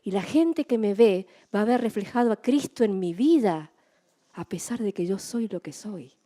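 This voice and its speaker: A middle-aged woman preaching a sermon, telling stories in an animated way and acting out her own excited shouts. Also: medium pitch, moderate pace.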